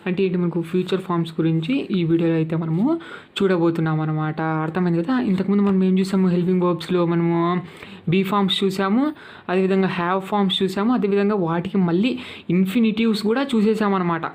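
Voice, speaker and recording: A woman with a fairly low voice teaching English grammar. She goes over each point patiently and repeats it. She stops often to ask whether the listener has followed. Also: fairly even intonation, a little mellow. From Telugu-speaking South India. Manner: explains slowly and keeps checking the learner understands. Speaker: English tutor. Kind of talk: Telugu-English grammar lesson.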